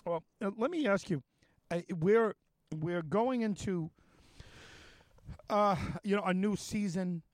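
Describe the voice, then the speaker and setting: A man's voice: high voice, dry recording. A man hosting a talk show interview, asking long questions full of fillers and restarts. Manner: halting, many fillers and restarts. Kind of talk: casual interview chat.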